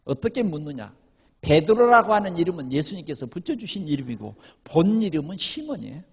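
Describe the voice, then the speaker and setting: A male pastor preaching a sermon, with emphatic swings between loud declarations and quiet asides. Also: a little high, sing-song, fairly quick, breathy edge. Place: church sanctuary. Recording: reverberant church hall.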